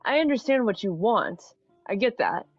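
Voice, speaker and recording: A woman's voice: mid-range voice, sing-song, normal speed, dry recording. A woman in a casual debate, explaining her point step by step and checking that the listener follows. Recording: dull, dry audio, music behind.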